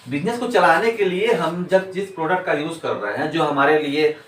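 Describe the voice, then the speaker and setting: A man's voice: fairly high pitch, moderate pace, fairly bright tone. A man teaching accounting in a classroom lecture, repeating points and answering his own rhetorical questions. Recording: echoey room, distant mic, faint noise.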